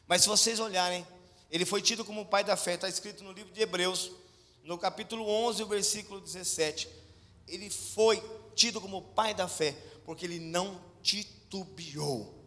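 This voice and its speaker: A middle-aged man with a Brazilian Portuguese accent preaches in a high, ringing voice. He tells his story dramatically, dropping to near whispers and then calling out, and has the congregation answer back. A long church hall reverb trails each phrase. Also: moderate pace. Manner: animated storytelling, swings from hushed to shouted; leads congregation call-and-response. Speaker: pastor. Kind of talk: sermon.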